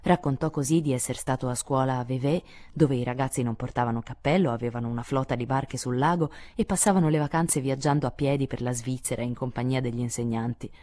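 A woman reading a classic novel aloud as an audiobook narrator, in a measured, expressive way. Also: a bass voice. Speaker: audiobook reader.

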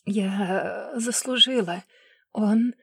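A woman's voice: medium pitch, slow pace, vocal fry, breathy edge, no room sound, clean studio sound, full character voice. A woman doing a frantic, shrieking young woman. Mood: dazed, guilty. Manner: shrieking, sobbing accusations.

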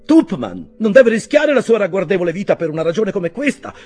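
A frantic young gentleman yells urgent orders in a shrill, strained voice, as a man reads him aloud. His pitch shoots far above a normal speaking level. It is a figure from a storybook read aloud. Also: wildly swooping pitch, brisk, breathy edge, soft background music, full character voice. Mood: alarmed. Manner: urgent, yelling. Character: panicky young male friend shouting orders.

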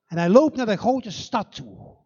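Guy telling a fairy tale in a church, slow and dramatic, husky voice, dull muffled sound. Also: sits high. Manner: slow, dramatic, animated storytelling. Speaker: storyteller.

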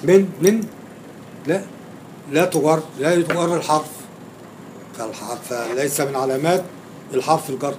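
Egyptian-accented male grammar teacher, slightly high voice, questions the class, faint room hiss. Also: moderate pace, long pauses. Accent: Egyptian Arabic. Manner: quizzing students, repeating and stressing key words. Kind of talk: classroom lecture with questions to students.

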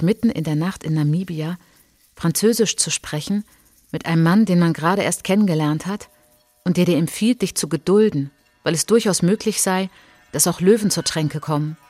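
Speaking with quiet awe at a fairly low pitch, an actress portrays a reflective French woman traveller in a radio play monologue, her manner measured, intimate, and literary.

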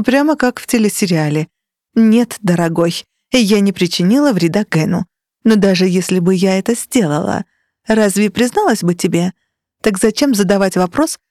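For an audiobook, a woman voices a cold, domineering sorceress mother with icy scolding, sharply emphatic delivery, and cold scorn. Her voice is mid-range, expressive, a little mellow, and close to an everyday voice, at a normal speed. The studio sound is clean, with no room sound.

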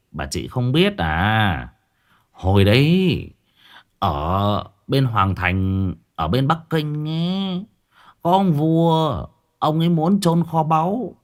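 A man playing a boastful sidekick, who talks in a low, hushed, conspiratorial way. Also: very animated, takes it slowly. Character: wheedling crippled male sidekick, boastful.

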